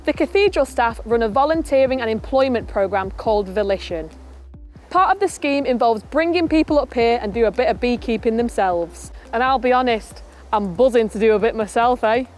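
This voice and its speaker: A woman's voice: a little high, a little fast, soft background music. Chatty young woman presenter. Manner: lively, chatty. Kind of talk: upbeat presenting to camera. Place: outdoors, rooftop and cathedral garden.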